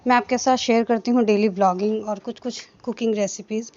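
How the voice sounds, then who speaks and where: A woman's voice: fairly high pitch, fairly even intonation, fairly quick, darkish tone, lo-fi sound. A woman narrating her daily home vlog in a homely, talkative, rambling way. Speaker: daily vlogger. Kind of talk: casual chatty vlog narration. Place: family home.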